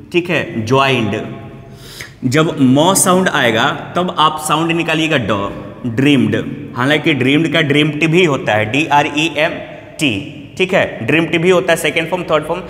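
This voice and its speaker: A man's voice: on the high side, a bit bright. A man teaching English pronunciation in Hindi, patiently repeating each example word several times. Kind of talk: Hindi-language pronunciation lesson. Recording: echoey room with long reverb, faint background noise.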